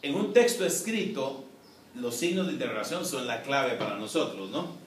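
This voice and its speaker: A man as a professor giving a recorded class lecture, explaining in a measured way with frequent "eh" and "¿no?" tags. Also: medium pitch, lively intonation. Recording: echoey room, distant mic, faint noise.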